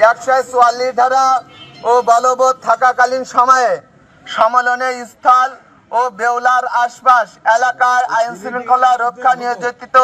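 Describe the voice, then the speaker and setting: A man reading out an official public announcement in a formal, monotone proclaiming manner. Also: very high-pitched, rough recording.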